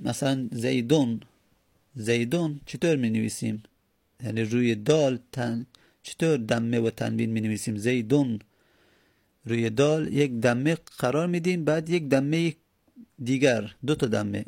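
A man's voice: medium pitch, creaky, a little mellow. A man teaching Arabic grammar, explaining patiently step by step and repeating his examples. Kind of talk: explaining lesson.

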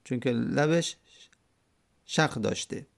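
A man's creaky, mid-range voice delivers a religious lecture in which he, as the teacher, explains a quoted Arabic verse word by word and repeats key terms. The setting is a classroom lecture on a hadith text.

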